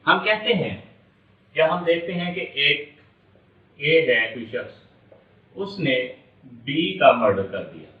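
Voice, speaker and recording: Taking it slowly with long pauses, a man with a Pakistani accent lectures on law in an expressive voice on the high side. He rephrases and repeats as he goes step by step, using English legal terms, and the echoey room and far-off dull mic shape the sound.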